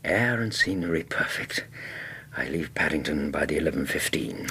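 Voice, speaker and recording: An actor playing a genial, measured English doctor in a radio drama, with a husky voice and an English accent. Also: male voice, very deep voice, lively intonation, bright, forceful tone, exaggerated voice. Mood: affable. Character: genial, measured married doctor recounting his memoirs. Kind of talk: radio drama narration and dialogue.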